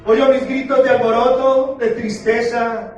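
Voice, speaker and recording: A man preaching a sermon as pastor, playful and questioning, slowing down for emphasis. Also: very high-pitched, fairly even intonation, a little mellow, dull audio. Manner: playful, asks the congregation questions, slows down for emphasis. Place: church sanctuary. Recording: very echoey church hall, far from the mic, with music behind.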